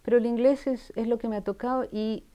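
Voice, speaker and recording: A Chilean woman in her sixties, a guest writer, speaks thoughtfully in a face-to-face university interview, her fairly high voice moving a little fast with fairly even intonation. It's a casual conversation, and she often restarts sentences and trails off into asides. The sound quality is lo-fi.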